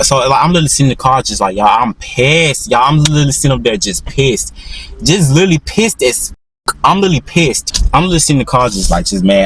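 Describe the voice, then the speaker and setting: A man's voice: mid-range voice, slight background noise, poor audio. A young man in his twenties telling a storytime as a vlogger, rambling with constant restarts and repeated "literally". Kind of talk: storytime monologue.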